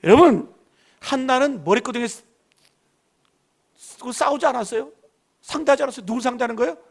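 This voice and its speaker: A man's voice: very high voice, fast talker. A middle-aged man preaching a Friday night sermon as pastor, talking in a casual, colloquial way and often putting questions to the congregation. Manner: preachy call-and-response, asking the congregation questions; colloquial storytelling about his daughters. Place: church sanctuary.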